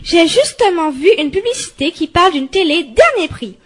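A woman's voice: very high-pitched, very animated, moderate pace. A woman playing an ad-obsessed gushing wife. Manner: pushy, gushing sales talk. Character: ad-obsessed chatty immigrant wife. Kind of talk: amateur radio-skit acting.

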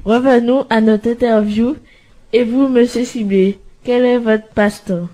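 A woman's voice: fairly high pitch, steady tone, unhurried, dark tone, natural voice. A woman playing a patient male reporter who politely interviews a chatty couple in an amateur radio skit.

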